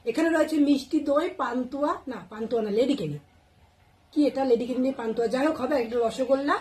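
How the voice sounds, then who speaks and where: Woman vlogger, rapid chatty delivery, slightly high, throat sore and scratchy. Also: a little mellow. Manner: chatty, lists dishes one by one, self-correcting. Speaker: food vlogger. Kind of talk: casual chat to viewers. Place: home at a lunch table.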